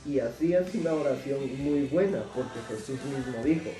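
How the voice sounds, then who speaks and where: A man's voice: medium pitch, moderate pace, echoey room, distant mic, music in the background, rough recording. A man teaching a Bible sermon in an emphatic way, repeating words for stress. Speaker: preacher.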